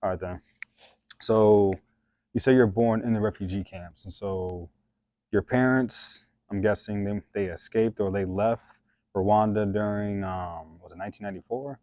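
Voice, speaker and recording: A man's voice: fairly low pitch, fairly even intonation, normal speed, mellow, dry recording. A man hosting an interview, asking long, laid-back, rambling questions with fillers. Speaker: host. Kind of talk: casual interview.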